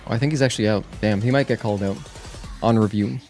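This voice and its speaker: A man streaming video games talks fast in a fairly low, darkish voice, giving casual commentary. He rambles while chatting with viewers, breaking off to react and reply to them, with game music playing behind him.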